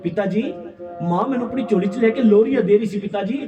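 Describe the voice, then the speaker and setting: A high, reproachful young prince scolds his father in a devotional story, performed by a man. The voice carries a Punjabi accent and sounds muffled and distant in an echoing hall with a crowd. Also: a little fast, lightly acted. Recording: echoey hall, distant dull mic, crowd.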